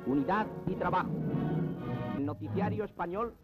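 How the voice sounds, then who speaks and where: A man's voice: sits high, moderate pace. A man with a Castilian Spanish accent narrating an old newsreel in a solemn, declamatory way, heard as an old newsreel soundtrack. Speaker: newsreel announcer. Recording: dull lo-fi archival film sound with music behind.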